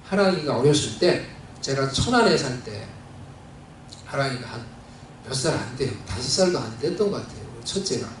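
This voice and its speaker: A man's voice: medium pitch, animated, brisk, a little hiss or hum. A male pastor preaching a sermon, telling a personal story in a heartfelt, conversational way with many fillers. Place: church sanctuary. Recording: very echoey church hall, mic at a distance.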